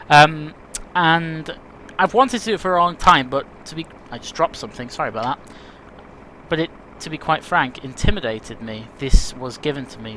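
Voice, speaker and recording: A man's voice: medium pitch, pushed and bright. A man hosting his flight simulator video, talking casually to viewers in a chatty, self-deprecating, rambling way. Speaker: flight sim video host. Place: home room with rain and birds heard outside. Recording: faint rain and outdoor noise behind. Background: rain and birdsong.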